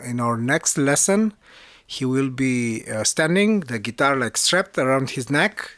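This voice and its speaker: A man co-hosting a casual podcast who teaches music, talking in halting bursts with frequent restarts. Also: mid-range voice, animated, fairly bright tone, no room sound, clean studio sound. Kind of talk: casual conversational podcast chat.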